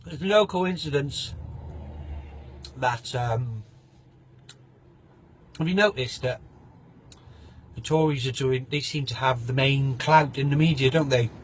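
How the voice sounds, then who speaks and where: A man's voice: mid-range voice, slow pace, long pauses, slight background noise. A man vlogging casually, ranting in a mocking, opinionated way and sometimes talking with his mouth full.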